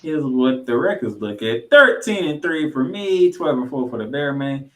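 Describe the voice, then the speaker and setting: The host of this sports podcast has a mid-range voice with lively intonation and a moderate pace. He gives a stats-heavy recap, emphasizing names and figures, and the recording picks up an echoing room.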